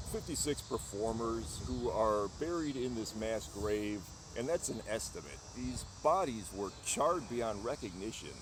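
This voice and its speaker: A man, middle-aged, hosting an on-location vlog to camera outdoors, with a theatrical showman-like delivery and pauses, over wind and traffic. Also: medium pitch. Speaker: vlog host. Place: outdoors in an open park-like cemetery. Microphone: camera at arm's length.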